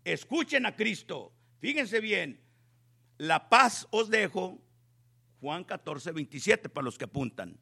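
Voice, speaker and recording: A man preaching a sermon in slow, emphatic phrases that rise into exclamations. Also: high voice, sing-song, gravelly, pushed and bright, husky.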